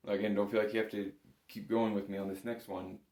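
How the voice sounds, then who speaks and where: In a fast, fairly low and slightly mellow voice with little pitch movement, a man gives a bagpipe lesson to camera, patiently and informally talking learners through each step. It's recorded in an echoey indoor room.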